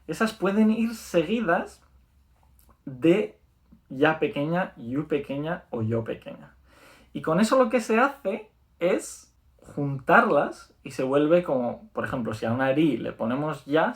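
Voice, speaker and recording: Upbeat Spanish man teaching a lesson. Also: on the high side. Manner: explanatory, repeats words slowly and checks in with "¿vale?". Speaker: language teacher. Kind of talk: video lesson.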